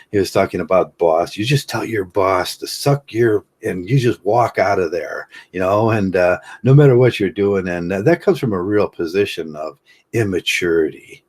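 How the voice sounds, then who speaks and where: A man's voice: sits low, a little mellow, slightly rough. A man hosting a casual livestream monologue, rambling with many fillers and restarts and laughing at his own jokes. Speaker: livestream host.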